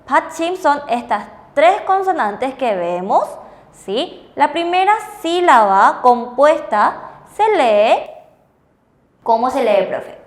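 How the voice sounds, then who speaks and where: Woman teaching a lesson, high voice, keeps asking if you got it. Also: big pitch swings, slow pace, in a large hall. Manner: patient, checks understanding with frequent rhetorical questions. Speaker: Korean language teacher. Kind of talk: bilingual classroom lesson on TV.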